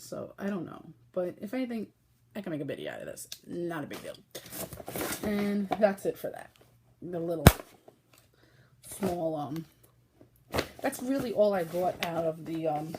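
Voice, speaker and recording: A woman's voice: lowish voice, mellow. Giggly chatty woman, faint background hiss. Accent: New York. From Brooklyn. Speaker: knitting podcast host. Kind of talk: casual yarn haul chat.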